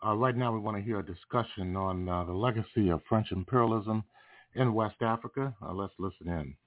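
A low-voiced male radio host links the segments in a relaxed, unhurried way, pausing often. He sounds distant from the mic and tinny, as if on a phone line. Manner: relaxed and unhurried, with frequent "uh" pauses.

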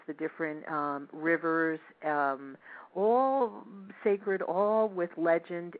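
Woman guest on a tinny phone line. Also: low voice. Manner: flowing, list-like descriptive explaining. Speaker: interview guest, tour leader. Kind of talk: conversational radio interview.

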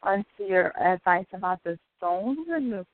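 A woman caller whose voice comes through muffled, as though from behind a wall. She speaks quietly and hesitantly, and her middling pitch sits dry and close on a thin, tinny phone line. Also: animated, normal speed, no room sound. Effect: muffled, as if heard through a wall. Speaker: caller to a radio advice show. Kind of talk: call-in chat. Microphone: telephone.

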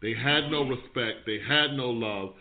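A man's voice: medium pitch, a little slow. A man co-leading a live-streamed Bible study, speaking emphatically and directing readers to verses. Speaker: Bible class teacher. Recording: tinny phone-like stream audio.

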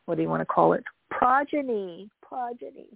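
A woman hosts a spiritual talk show, chatting in a casual, rambling way and interviewing while speaking informally to listeners. Her medium-pitched voice is expressive and creaky, at normal speed. The live talk is recorded dry, with thin, phone-like audio.

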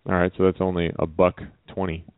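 A man co-hosting a radio talk show, chatting casually with a wry, deadpan humor. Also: deep voice, a little fast, clear, resonant tone, dry recording. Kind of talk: casual chat. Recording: dry, phone-like narrow sound.

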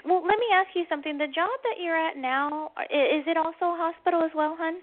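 A woman's voice: very high voice, fairly quick, phone-quality sound. A woman giving a psychic reading to a caller, speaking in a soothing, reassuring way with affectionate endearments. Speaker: psychic medium, host.

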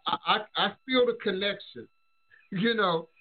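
An American man hosting a casual discussion show, talking haltingly and repeating words as he reasons. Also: sits high. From United States. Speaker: show host. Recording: dull, lo-fi call audio.

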